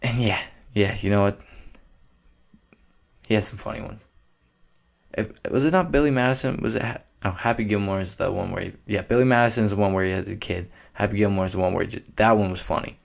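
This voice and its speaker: A young man with a lowish voice talks on his own podcast. He rambles, swears freely and keeps it offhand and loose. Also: fairly even intonation, fast, creaky. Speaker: podcast host.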